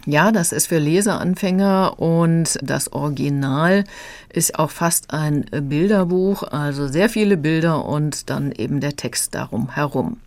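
A woman reviewing a children's audiobook on the radio, calm and explanatory. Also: deep voice, measured pace, dry recording. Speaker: book critic.

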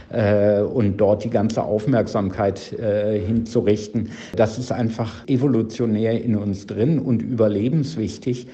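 A man's voice: on the low side, dark tone. A man who is a social psychology professor, explaining thoughtfully in an interview with fillers and small restarts. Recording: dull, lo-fi recorded interview.

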